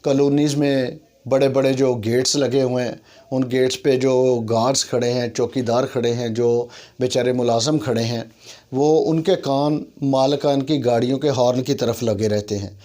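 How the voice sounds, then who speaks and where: A YouTube commentator with a Pakistani accent delivers an earnest opinion monologue on civic issues, complaining emphatically and leaning on rhetorical repetition. His voice is medium-pitched, steady and warm, at a normal speed.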